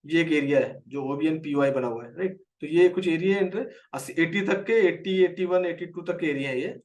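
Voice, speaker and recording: A man's voice: fairly high pitch, brisk, darkish tone, recorded from a distance. A man with an Indian accent teaching a live trading lesson, explaining a chart and answering viewers by name.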